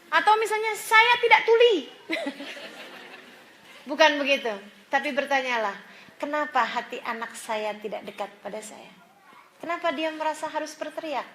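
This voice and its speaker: A woman preacher with a high, bright voice gives a sermon to a women's gathering. She tells stories with lively asides and often laughs as she acts out the people in them. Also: slight background noise. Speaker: religious teacher.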